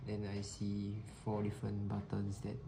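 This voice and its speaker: A man's voice: on the low side, completely flat delivery, moderate pace, creaky. A man thinking aloud as a test participant, hesitantly narrating his steps as he tries out an app. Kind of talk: thinking aloud while trying an app prototype. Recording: noisy room recording.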